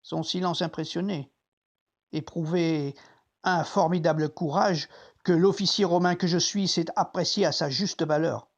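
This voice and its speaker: An actor playing a troubled, conscience-stricken Roman centurion, reflecting deliberately in a dramatic biblical monologue as if talking to himself. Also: medium pitch, steady tone, highs cut off. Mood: solemn recounting. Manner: introspective, deliberate, theatrical.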